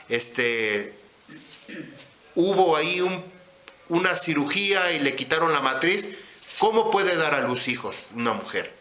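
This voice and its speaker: A man teaching scripture in a sermon, speaking slowly and deliberately and putting questions to his listeners. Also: on the high side, sharp tone, echoey room. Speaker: religious teacher.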